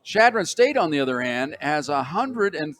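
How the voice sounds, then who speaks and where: Calling a college football game on the radio, this older play-by-play announcer has a slightly high, fairly bright voice and very animated delivery at normal speed. Speaking into a broadcast booth mic, he chats, chuckles, and spins stories between plays.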